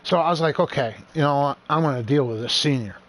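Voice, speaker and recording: A young man telling a story from his school days in a rambling, animated way, acting out the voices of the people in it. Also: mid-range voice, fast talker. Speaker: channel host telling a personal story. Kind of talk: casual storytelling monologue.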